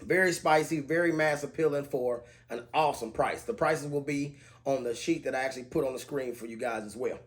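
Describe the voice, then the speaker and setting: A man casually reviewing budget fragrances to camera, talking in a relaxed way and listing scent notes in a steady cadence. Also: medium pitch, brisk.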